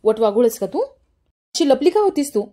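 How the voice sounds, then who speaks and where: A woman's voice: sits high, big pitch swings, moderate pace, warm tone. A woman voicing a stern, haughty older female guru who scolds and gives orders, in a recap of a television serial. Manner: scolding, commanding.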